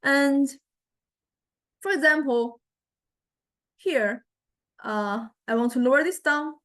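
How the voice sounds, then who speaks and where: With a high voice, a woman teaching music technology walks through software in a casual lecture. She speaks haltingly, repeats the starts of words, and frequently asks whether everyone is following.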